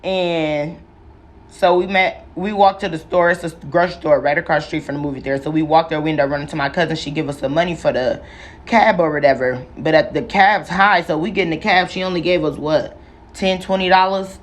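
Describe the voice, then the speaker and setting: A woman's voice: low voice, fairly even intonation, a little fast. Young woman telling a loose, slangy story. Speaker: vlogger. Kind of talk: casual storytime while doing hair.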